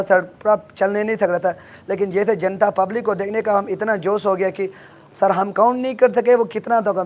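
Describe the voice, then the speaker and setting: A high-pitched man from Arunachal Pradesh speaks with a hoarse, worn throat. He presses his points earnestly, circling back and repeating his demands with insistence. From Arunachal Pradesh, India. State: hoarse from shouting. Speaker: activist guest. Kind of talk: impassioned interview answers.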